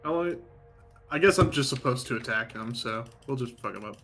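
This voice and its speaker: A man's voice: medium pitch, animated, a little fast, a bit bright, soft background music. A man chatting casually over a voice call while playing a game, giving joking, offhand commentary on his play. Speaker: friend on voice chat, playing a game.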